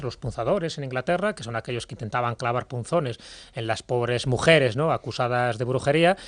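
A man's voice: medium pitch, no echo. Discursive, emphatic man in a podcast discussion. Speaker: panellist on a history and mysteries podcast. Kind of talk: informal expert discussion.

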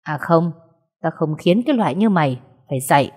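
A woman's voice: deep voice, animated, fairly quick, a little mellow, husky. A woman reading a story, voicing a bitter, proud mother who talks sharply and with scorn. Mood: scornful.

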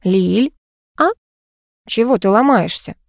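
A woman's voice: medium pitch, slow pace, gravelly, dry recording. A good-humoured man in his thirties, coaxing and joking with his partner, read out by a female narrator in her own voice. The recording is dry and close. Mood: cajoling.

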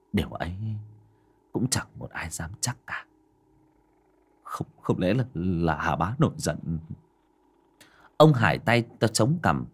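Low-voiced guy reading a spooky story, super animated pitch, faint music under it. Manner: expressive, swinging between loud and hushed. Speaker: audiobook narrator. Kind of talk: dramatic story narration.

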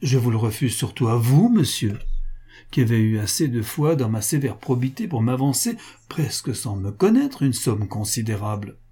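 A man playing an upright factory owner in a storybook reading, his husky, dark voice strained with anxiety. He refuses with dignity and pleads with fear behind the politeness. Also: medium pitch, very animated, moderate pace. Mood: firm. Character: upright male factory owner, frightened debtor.

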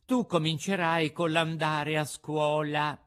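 Motherly fairy woman voiced by a man, soft, measured, unhurried, gently scolding. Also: a little high, level tone, smooth, voice pushed up. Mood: admonishing.

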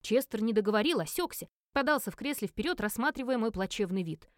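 Woman narrator for a first-person audiobook: animated, fairly high, dry close sound. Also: fast, no room sound. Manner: expressive, lively storytelling.

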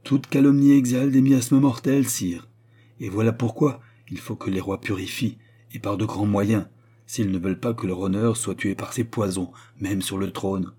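A man's voice: lowish voice, fairly even intonation, normal speed, dark tone, husky. A man reading aloud as a solemn baron who respectfully but firmly presses his accusation before the king. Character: grave, deferential scheming minister, a baron. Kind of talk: audiobook character reading.

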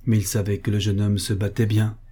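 A man reading an audiobook novel aloud in a steady, measured narration. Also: lowish voice, slightly rough. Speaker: audiobook reader.

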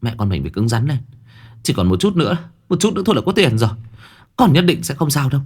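A man voicing a desperate, ruthless young woman who speaks in a low, hoarse, threatening voice. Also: big pitch swings, fast.

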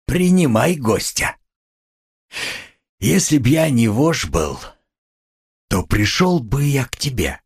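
A man's voice: medium pitch, big pitch swings, slow pace, gravelly, long pauses, slightly rough, exaggerated voice. A man voicing a tormented, bitter young man who speaks in a brooding, irritable confession in an audiobook. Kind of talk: audiobook character reading.

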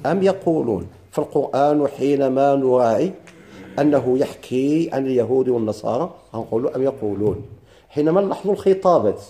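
A man with a Moroccan Arabic accent teaching a class on Quranic recitation, explaining step by step, chanting verses slowly and quizzing his students. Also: medium pitch, mellow. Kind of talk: classroom lesson on Quranic readings.

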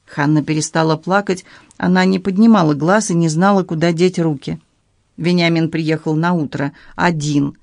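A woman reading a novel aloud as audiobook narrator, in a measured, even way. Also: sits low, dry recording, clean studio sound. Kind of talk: scripted narration.

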